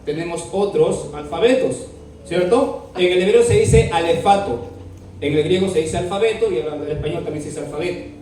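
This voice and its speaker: A man with a warm voice that sits high speaks at a moderate pace over slight background noise. He teaches a Bible class with dictation, often asking his students questions and spelling words out letter by letter. The room is very echoey, the mic is far off, and faint music plays.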